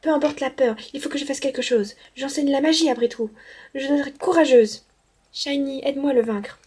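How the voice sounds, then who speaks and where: A woman's voice: high-pitched, fairly quick, darkish tone, natural voice. A woman voicing a brave young female magic teacher in an earnest, dramatic way. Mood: resolute. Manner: earnest, dramatic spell-casting.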